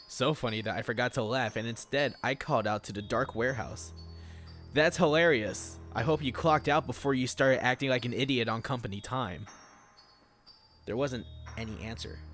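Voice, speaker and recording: A man narrating a first-person horror story in a dry, sarcastic way. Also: medium pitch. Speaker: creepypasta narrator.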